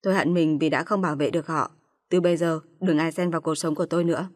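A woman's voice: low-pitched, fairly even intonation, quick pace, big-room sound. A woman voicing a young husband, grave and bitter toward his family.

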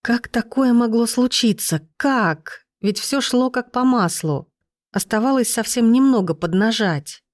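A woman's voice: a little high, measured pace, no echo, studio quality, pitched above the performer's own voice, lightly acted. A woman reader voicing a scheming, bitter young woman envious of her sister, speaking spitefully with a raised, whining voice.

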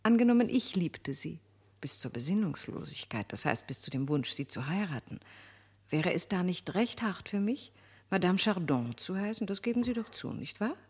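For a German radio drama, an actress plays an aristocratic society lady who is flattering, amused and calculating, putting theatrical, coquettish emphasis on her words. Her lowish, husky voice moves at a moderate pace, and the mood is haughty and coquettish.

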